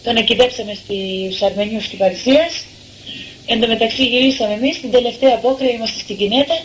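A woman's voice: on the high side, slight background noise, rough recording. Earnest older woman telling her story. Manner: earnest, acts out the lines of others. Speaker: testimony giver. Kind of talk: personal testimony storytelling.

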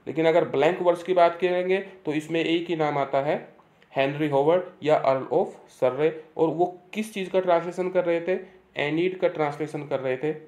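Guy teaching lit for exam prep, reads english slow then repeats the key words. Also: on the high side, a little mellow. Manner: asks and answers his own questions. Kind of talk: exam-prep lecture, reading English text then explaining in Hindi.

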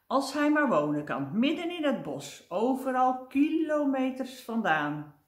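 An older woman reading a children's storybook aloud in a gentle, expressive way, with the odd slip over a word. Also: sits high, unhurried, reverberant.

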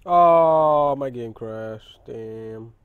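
A man's voice: medium pitch, drawn-out words, clear, resonant tone, dry recording, narrow, tinny audio. A man in a game's voice chat, chatting casually and teasing crudely. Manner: crude teasing, often laughing.

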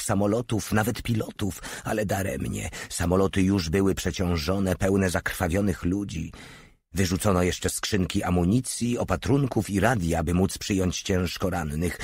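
A man reading a war novel aloud as an audiobook narrator, steady and dramatic, lifting his voice for the characters' lines. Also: low-pitched, slightly rough, dry recording.

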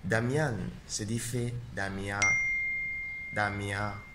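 A man from Equatorial Guinea hosting a casual vlog. He chats with viewers, keeps asking "¿vale?", and says names slowly, repeating each one. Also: fairly low pitch, steady tone, very noisy. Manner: chatty, keeps checking in with "¿vale?". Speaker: YouTube channel host. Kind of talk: casual vlog, teaching name translations. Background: loud music.

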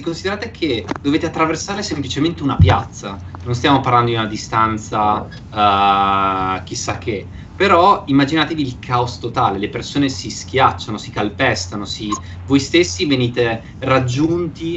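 A man's voice: medium pitch, fairly bright tone. A man narrating a tabletop horror game as game master, explaining scenes and rules with many fillers. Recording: dull lo-fi sound with faint noise.

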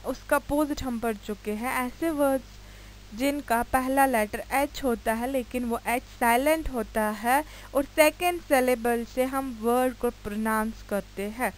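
Slow, high-voiced woman teacher explaining grammar. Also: rough recording. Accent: Indian English. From India. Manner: slow, deliberate explaining, spelling words out and asking checking questions. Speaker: English teacher. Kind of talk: video lecture mixing Hindi and English.

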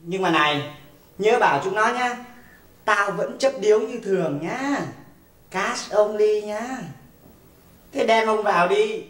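A woman playing a brash, newly widowed wife in a stage comedy sketch. She scolds fast and bossily, then sings slow, mock-mournful laments. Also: mid-range voice, a bit bright, natural voice. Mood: bossy, scolding. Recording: echoey stage audio from far off, with music.

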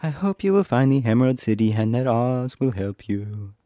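A man voicing a kind, motherly female stork in a storybook reading, speaking high and drawn out. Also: lively intonation, moderate pace, mellow, dry recording, dull audio, lightly acted.

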